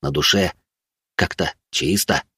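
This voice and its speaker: A man's voice: extremely low pitch, a little slow, sharp tone, husky, no echo. A man narrating an audiobook in the first person with dry, sardonic storytelling.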